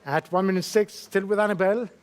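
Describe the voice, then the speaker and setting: A man's voice: sits high, steady tone, quick pace, smooth. A man working as a fine art auctioneer, calling bids in repeated figures and politely coaxing bidders with short questions. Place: auction saleroom in London.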